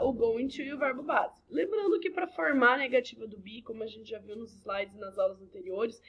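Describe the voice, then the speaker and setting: High-voiced Brazilian teacher, lo-fi recording. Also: female voice, fairly bright tone. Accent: Brazilian Portuguese. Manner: chatty, thinks aloud, addresses students as a group. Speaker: English teacher. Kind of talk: online class explanation. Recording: dull lo-fi home recording.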